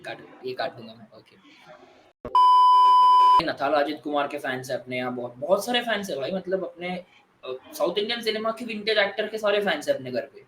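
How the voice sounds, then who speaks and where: A young man telling movie stories in an animated, excitable way in casual chat, mixing in English phrases. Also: fairly high pitch, fairly quick. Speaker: guest.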